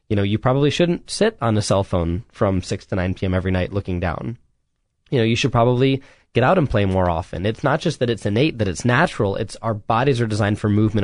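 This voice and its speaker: A man talks earnestly on a radio health show, speaking as a chiropractor at a mid-range pitch. He sounds urgent and keeps circling back with restarts and "you know" fillers. The sound is dry and close, with no room echo. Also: darkish tone. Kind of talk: solo radio health talk.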